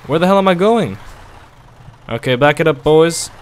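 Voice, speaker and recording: A man's voice: fairly high pitch, lively intonation, moderate pace, a little hiss or hum. A man whose first language is Latvian, rambling through casual gameplay commentary, cursing and bursting out whenever the driving goes wrong. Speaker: gaming video host.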